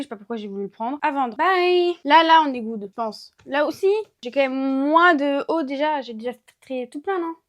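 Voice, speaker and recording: A young woman chatting casually to camera as a vlogger, self-mocking and thinking aloud. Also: high voice. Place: bedroom by her wardrobe.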